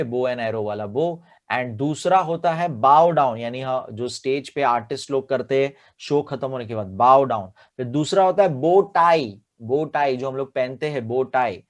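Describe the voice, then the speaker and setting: A man's voice: mid-range voice, a little mellow. Man teaching grammar with repetitive explanations. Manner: explains with repetition, mixing Hindi and English. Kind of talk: classroom grammar lesson.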